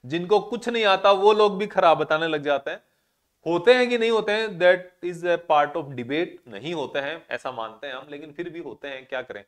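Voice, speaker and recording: A man's voice: a little high, moderate pace. A male physics teacher, giving a classroom lecture and explaining through rhetorical questions and everyday examples.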